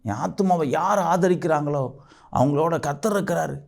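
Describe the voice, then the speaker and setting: A man's voice: fairly high pitch, fairly quick, creaky, darkish tone. A male pastor, preaching a fervent sermon full of repeated rhetorical questions. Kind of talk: sermon with prayer.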